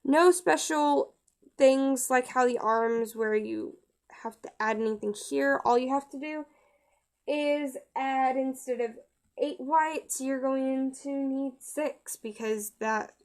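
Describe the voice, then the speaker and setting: Woman walking thru a craft tutorial, kinda high voice, chatty n halting, lots of restarts. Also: a little mellow. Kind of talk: casual step-by-step craft tutorial.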